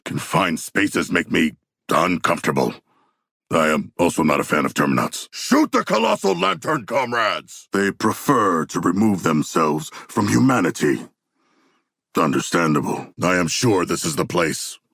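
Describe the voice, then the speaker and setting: A man playing a huge humanoid shark warrior in a video game, with a gravelly, husky voice and stilted, grandiose, earnest and boastful speech. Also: deep voice, sing-song, a little slow, a bit bright, dry recording, studio quality, heavily acted. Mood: earnest, dry, then battle fervor. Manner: formal, stilted, grandiose declarations without contractions. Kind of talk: video game character voice lines.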